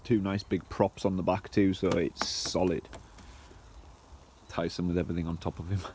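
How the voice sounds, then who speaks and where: A man's voice: sits low, level tone, normal speed, darkish tone, slight background noise. A man with a Northern English accent, chatting casually as he films his woodland camp and cooking by the fire. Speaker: camping vlogger. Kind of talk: casual outdoor vlog narration.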